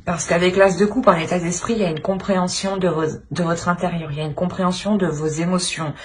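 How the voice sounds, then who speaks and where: Talking quickly in a steady tone, a woman with a lowish voice reads tarot for her viewers off the cuff. As the channel host, she often stalls to find words and repeats herself.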